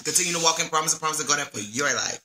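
A woman's voice: low voice, very fast, pushed and bright. A woman hosting a casual vlog, chatting straight to her viewers and stumbling over her words while her mouth burns from spicy noodles. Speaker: vlog host.

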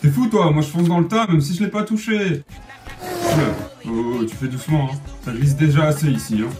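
A man giving excitable gameplay commentary, swearing and yelling at opponents as he plays. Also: fairly high pitch, fairly quick, far from the mic. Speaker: gamer. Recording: echoey room, voice off-mic, music underneath.

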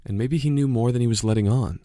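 An actor playing a curious young podcaster-investigator who narrates and questions in a measured way in an audio drama. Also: male voice, mid-range voice, mellow, dry recording, clean studio sound, lightly acted. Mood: narrating.

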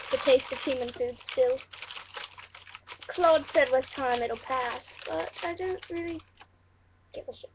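Bratty demon boy done by a girl in a put-on british accent, high voice, muffled webcam sound. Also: a little hiss or hum. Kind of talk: cosplay role-play vlog.

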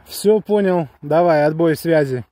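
Out on a grassy, pine-covered hillside, a male vlogger holds his phone and reviews a walkie-talkie, chatting to viewers in a rambling, slangy, enthusiastic way. His voice runs on the high side and a little slow, with a noisy background behind him.

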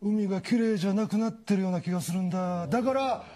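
A man's voice: very high voice, quick pace, pitched above the performer's own voice. A man voicing a brash, teasing 150-year-old male sea turtle in a comic retelling. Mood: gentle.

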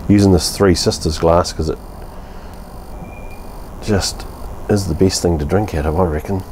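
Low, steady and darkish in tone, the voice moves a little slowly, with a faint hiss or hum behind it. It's a New Zealand man in his fifties reviewing a beer at his outdoor home bar, easygoing and blunt, rambling with filler words and mild swearing.

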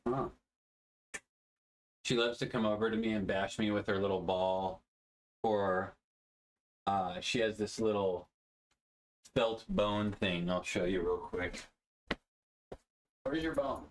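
A man casually vlogging while talking to his puppy in sing-song baby talk, his voice swooping up high, with faint noise behind him. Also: measured pace, pauses often. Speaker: gaming channel host.

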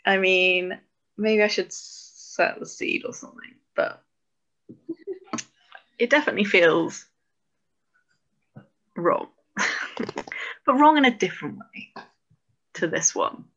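A woman with a gravelly, crisp-edged voice sits a little low in pitch as she talks through code on a video call. She mutters to herself and pokes fun at herself. The audio is dull and lo-fi. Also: expressive, takes it slowly, pauses often, a bit bright. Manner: self-deprecating, thinks aloud, mutters to herself. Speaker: book club presenter. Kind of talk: casual live-coding walkthrough.

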